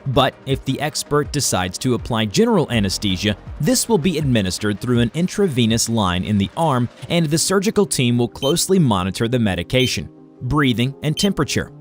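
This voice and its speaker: A man's voice: medium pitch, big pitch swings, fairly quick. A man reading a scripted educational medical explainer in a formal, instructional way. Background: music.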